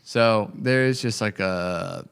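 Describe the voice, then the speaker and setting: A man's voice: on the low side, slow pace, gravelly, fairly bright tone, clear, resonant tone. A man co-hosting a casual business podcast, rambling on and acting out bits of quoted dialogue. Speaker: coffee company co-owner, podcast host.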